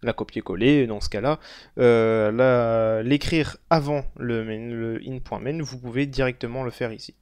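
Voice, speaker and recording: Halting young man explaining code. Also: mid-range voice, steady tone, darkish tone, clean tone, no echo. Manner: halting, many fillers and self-corrections. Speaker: programming tutor. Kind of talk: screen-recorded coding tutorial.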